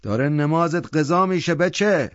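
A stern, clipped middle-aged father, acted by a male narrator, his voice pushed a little higher than the narration. He speaks firmly and briefly. The recording sounds muffled and lo-fi. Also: lively intonation, no room sound, natural voice. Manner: curt, firm. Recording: dull lo-fi audiobook recording.

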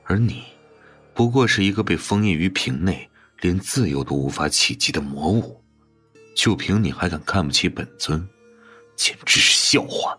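A man playing an arrogant male demon lord, raspy, haughty and commanding, with a reverb effect. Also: low voice, lively intonation, moderate pace, bright, forceful tone, faint music behind, full character voice. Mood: scornful. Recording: long echoing reverb effect.

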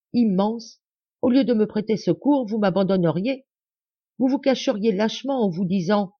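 A woman's voice: dark tone, no room sound, lo-fi sound. A woman voicing an anguished young woman who pleads urgently with her father. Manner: pleading, high and intense.

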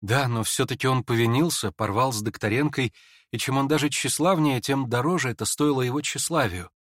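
A man voicing a meek, guileless young prince who speaks in a gentle, earnest, mildly pleading way in a dramatized audiobook. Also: medium pitch, brisk, no room sound, clean studio sound, close to an everyday voice. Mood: gently reproachful.

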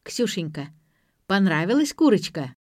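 A woman voicing a calm, shrewd older grandmother in an audiobook, gentle and coaxing. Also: medium pitch, moderate pace, no echo, studio quality, natural voice. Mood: coaxing grandmotherly. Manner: gentle, coaxing, then firm.

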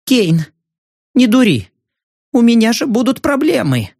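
Guy doing a high squeaky scared fat reporter, stammery, audiobook, dry mic. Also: sing-song, takes it slowly, no room sound, heavily acted. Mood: pleading. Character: panicky fat male journalist, cowardly, squealing. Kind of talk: audiobook narration.

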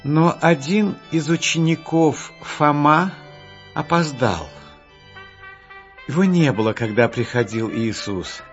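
A man narrating Bible stories for an audiobook in a slow, measured reading. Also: on the high side. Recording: dull lo-fi audiobook with soft music.

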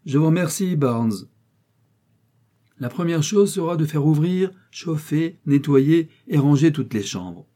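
A testy old gentleman of wealth barks orders and loses patience quickly, as a man reads him aloud. The voice stays dark and mellow, in the manner of a storybook reading. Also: on the high side, lively intonation, voice pushed up. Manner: commanding and impatient. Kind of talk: audiobook character reading.

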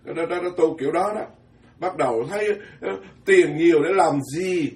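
A Buddhist monk gives a folksy, joking Dharma talk, stumbling over repeated words as he drives his points home. His voice sits a little high for a man. He is picked up from a distance, with a roomy echo around him. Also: moderate pace, darkish tone. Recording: echoey hall from far off.

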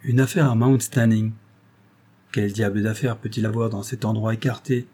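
A man's voice: fairly low pitch, flat delivery, normal speed, mellow, husky. A man reading a classic novel aloud, voicing an older baronet who questions his young wife fondly and a little reproachfully. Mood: puzzled. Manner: fond questioning, slightly reproachful. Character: older baronet, doting and fond husband. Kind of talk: audiobook character reading.

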